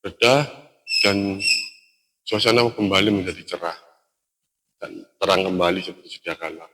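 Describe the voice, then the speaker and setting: A young man telling a story from a mountain hike in a relaxed, halting way, pausing and restarting often. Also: deep voice, husky. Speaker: storyteller recounting a hiking trip. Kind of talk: casual spoken storytelling.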